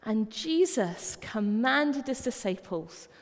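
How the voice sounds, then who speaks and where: A woman's voice: on the high side, lively intonation, slow pace. A woman with a Scottish accent preaching a sermon in a chatty, storytelling way. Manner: conversational, anecdotal storytelling. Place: church hall. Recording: long reverb of a church.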